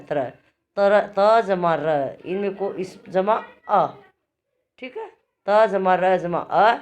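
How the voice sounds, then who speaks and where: A woman teaching a primary school class, patiently explaining and spelling words out slowly, piece by piece. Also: medium pitch. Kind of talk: online class lesson.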